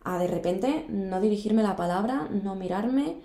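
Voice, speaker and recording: A young woman with a mid-range, dark-toned voice tells stories about her backpacking travels as a guest in a casual chat. She's animated yet unhurried, earnest and emphatic, repeating words for stress. The recording has a roomy echo.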